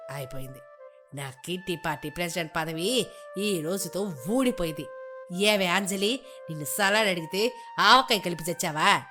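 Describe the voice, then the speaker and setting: A woman voicing a dramatic middle-aged mother-in-law who wails in despair, lower than her narrating voice. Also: normal speed, pushed and bright, soft background music, natural voice. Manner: wailing, melodramatic.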